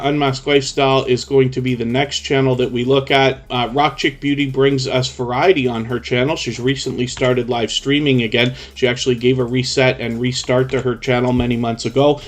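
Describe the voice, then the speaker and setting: A man with a mid-range voice hosts a live stream in a casual way, chatting with his viewers. When he explains things, his sentences tend to run on at length.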